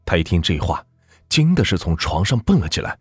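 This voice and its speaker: A low-voiced man tells a folk ghost story with lively, rising and falling intonation. His voice is husky. The recording is dry, with faint background music. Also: brisk, no echo.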